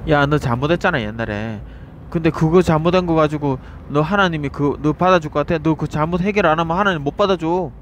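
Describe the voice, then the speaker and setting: A man's voice: on the high side, fast talker, lightly acted. A jeering devil tempts and accuses in a raised, needling voice, as a male preacher puts him on. He fires mocking questions one after another, with faint street noise behind. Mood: accusing.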